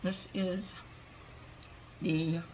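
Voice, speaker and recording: A woman's voice: on the low side, flat delivery, drawn-out words, a little mellow, a little hiss or hum, low-quality recording. A middle-aged woman vlogger talking casually and chattily, trailing off and interrupting herself, sometimes talking with her mouth full. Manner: chatty, wandering, self-interrupting. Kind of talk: casual chat.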